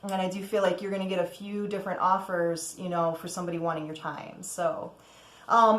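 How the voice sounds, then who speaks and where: A woman in the middle pitch range hosts a casual tarot reading, talking straight to her viewers. She is chatty, keeps asking "okay?", and breaks into bright whoops. Her voice rings in a roomy, echoey space. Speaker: tarot reader.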